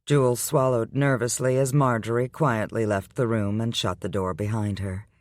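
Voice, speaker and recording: A man reading a romance audiobook aloud in a steady, even storytelling manner. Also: medium pitch, normal speed, no echo, studio quality. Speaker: audiobook narrator. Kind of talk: scripted romance narration.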